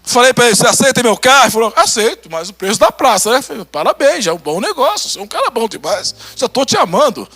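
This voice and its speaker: A man's voice: very high-pitched, fast talker, few pauses, soft background music. A Brazilian pastor preaching a testimony sermon, acting out conversations and laughing as he tells it. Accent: Brazilian Portuguese. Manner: animated, acts out dialogue, laughs.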